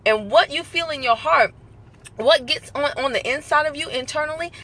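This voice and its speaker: A woman's voice: high-pitched, moderate pace, a bit bright. A woman with a Southern American accent hosts a casual live stream, giving an emphatic pep talk that repeats its points and acts out little phone calls. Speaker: motivational live-stream host.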